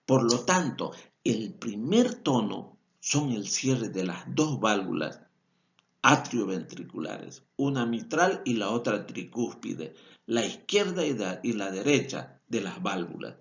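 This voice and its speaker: Bolivian male vet lecturer, slow patient explainer, lively intonation, dull lo-fi audio. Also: fairly low pitch, vocal fry. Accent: Bolivian Spanish. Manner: explanatory, repeats key points, self-corrects. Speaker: veterinary lecturer. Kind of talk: recorded lecture over slides.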